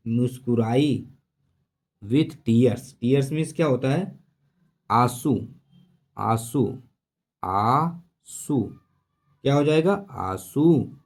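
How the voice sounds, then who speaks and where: A man teaching English-to-Hindi translation, going over each word again and again and asking his listeners questions as he explains. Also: medium pitch. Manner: slow, repeating each word many times while explaining; asks students rhetorical questions.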